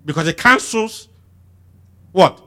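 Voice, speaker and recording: A man's voice: high voice, slow pace. A man preaching a sermon, questioning his listeners and having them answer back. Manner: lively, emphatic call-and-response questioning.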